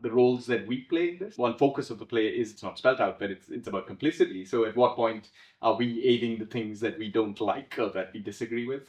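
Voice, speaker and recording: A man of middle pitch answering interview questions in a reflective, halting way, stopping to restart his thoughts with small laughs. The room around him is audibly echoey. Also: darkish tone. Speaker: playwright. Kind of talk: conversational interview. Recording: roomy echo.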